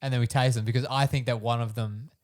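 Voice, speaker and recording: Young man, agreeable podcast co-host, easygoing, mid-pitched voice. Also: steady tone, a little mellow. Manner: easygoing, agreeable, quick to laugh. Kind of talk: casual chat.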